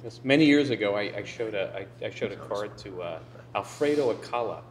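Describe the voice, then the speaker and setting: A man telling animated anecdotes on a panel at a live venue, acting out the people he quotes. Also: fairly low pitch, brisk, a little hiss or hum. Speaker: panelist, fantasy illustrator. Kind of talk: casual panel chat.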